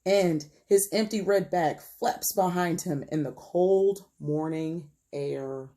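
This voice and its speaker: This is a woman teacher sharing a picture book with young children, expressive and gentle as she tells the story and asks her pupils questions. She speaks slowly, with a fairly low voice.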